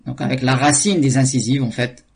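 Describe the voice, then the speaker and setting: A man teaching Arabic letter sounds, talking slowly, with many hesitations and repeated syllables. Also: mid-range voice, fairly even intonation, gravelly, slightly rough. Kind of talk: pronunciation lesson.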